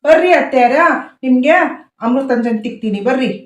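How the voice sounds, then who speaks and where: A woman's voice: sits high, animated, normal speed, a little mellow. A woman playing a cheerful deaf daughter-in-law. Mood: eager. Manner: eager, polite questions. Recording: echoey room, voice from a distance.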